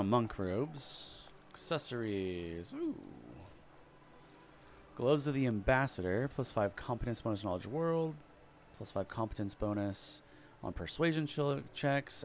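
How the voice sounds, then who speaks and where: A man's voice: mid-range voice, sing-song, unhurried, slight background noise. A man hosting a casual let's play, reading item descriptions aloud and muttering asides as he shops. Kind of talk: casual gameplay commentary.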